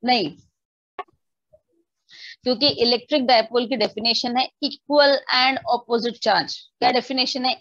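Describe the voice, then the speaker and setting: A woman teaching physics in an online class, her voice pitched a little high and recorded close and dry. The sound is slightly dull and lo-fi. She explains step by step, slips into English for definitions and keeps asking her students whether they follow. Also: no room sound.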